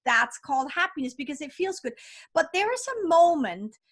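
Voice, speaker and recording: A woman's voice: high-pitched, sing-song, moderate pace, fairly bright tone. A woman author, not a native English speaker, talking with upbeat enthusiasm as a podcast guest. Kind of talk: casual interview chat.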